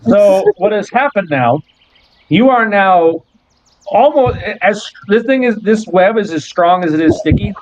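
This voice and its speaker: Joking game master with a fairly high voice. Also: male voice, animated, unhurried, a little hiss or hum. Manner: laid-back, joking, swears often. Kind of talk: narrating a tabletop game. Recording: dull, dry recording.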